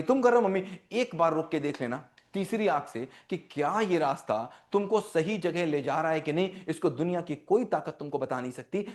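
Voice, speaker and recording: A man giving an animated motivational talk to teens as a life coach, repeating lines for emphasis and mixing Hindi with English. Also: high-pitched. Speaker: parenting mentor and life coach. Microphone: online session.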